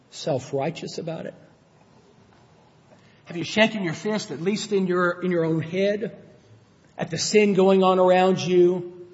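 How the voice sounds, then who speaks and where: Male pastor, sermon, conversational, rhetorical questions, high voice, dull echoing hall sound. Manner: conversational, rhetorical questions, dynamic swings in loudness.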